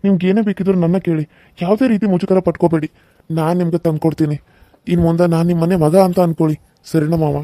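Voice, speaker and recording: A man voicing an earnest young husband, warm. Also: a little high, flat delivery, fast talker, dry recording, studio quality, close to an everyday voice. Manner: earnest, gently persuasive. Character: young devoted husband, kind and reassuring. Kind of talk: cartoon serial dubbing.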